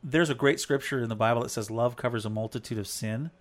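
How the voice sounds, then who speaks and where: With a quick pace and mid-range voice, a man banters with his wife on a devotional talk show. He wanders playfully from thought to thought while counting off points like a teacher.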